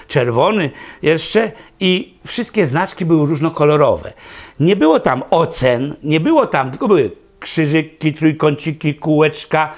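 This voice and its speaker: Higher-voiced older man reminiscing. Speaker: former student recalling a teacher. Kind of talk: documentary interview.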